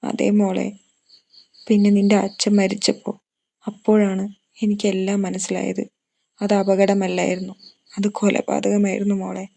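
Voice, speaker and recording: A woman's voice: mid-range voice, monotone, a little slow, creaky, pauses often, dark tone. A woman voicing a grieving old grandmother who confesses a long-kept secret in a trembling voice. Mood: shaken, tearful.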